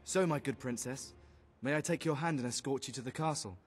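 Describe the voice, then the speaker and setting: A young man playing an earnest, worried gentleman devoted to a princess in a video game. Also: mid-range voice, a little fast, breathy edge, lightly acted. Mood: worried, tender. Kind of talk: video game character acting.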